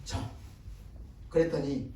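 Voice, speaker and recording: A man's voice: slow pace, mellow, a little hiss or hum. A male pastor giving a conversational sermon seminar, often prompting the congregation to repeat after him and answer his questions. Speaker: guest pastor. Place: church sanctuary. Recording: echoey church hall from far off.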